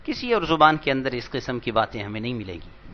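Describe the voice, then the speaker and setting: A man's voice: mid-range voice, big pitch swings, muffled recording. Patient man teaching Arabic grammar. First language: Urdu. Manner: patient, repeats words slowly for emphasis. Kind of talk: lecture explaining vocabulary.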